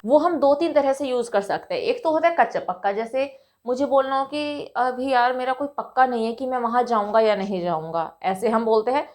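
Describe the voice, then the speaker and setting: With a voice on the high side, a woman teaches English vocabulary to Hindi speakers, explaining patiently, often checking with "right?", and saying example sentences slowly.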